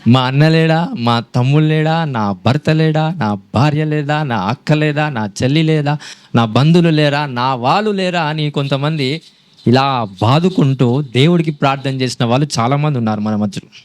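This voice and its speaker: Speaking at a moderate pace in a slightly high, clean-toned voice, a man delivers an animated sermon. He tests the congregation with questions and moves back and forth between Telugu and English.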